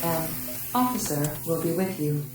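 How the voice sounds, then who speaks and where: A woman voicing a malfunctioning cryo-pod computer in a video game, giving measured, official system announcements. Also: sits low, expressive. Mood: calm, clinical. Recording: echoey, distant game audio with music. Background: game music.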